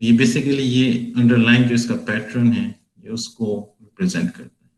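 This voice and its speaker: A man tutoring on poetic meter, explaining slowly and patiently with many pauses during a screen-share session. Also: medium pitch, fairly even intonation, roomy sound, low-quality recording. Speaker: tutor explaining Urdu prosody software.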